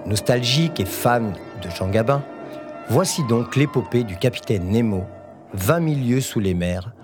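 A storyteller reading a children's tale aloud in an animated, expressive way. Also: mid-range voice, moderate pace, music in the background. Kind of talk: storybook narration.

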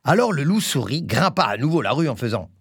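Animated, husky storybook narrator. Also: medium pitch, brisk, dry recording, clean studio sound. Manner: animated, expressive.

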